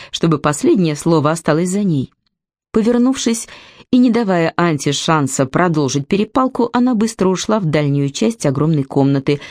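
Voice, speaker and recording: Lady reading a story out loud, low voice, dry close sound. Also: no room sound. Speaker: audiobook narrator. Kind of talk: storytelling read aloud.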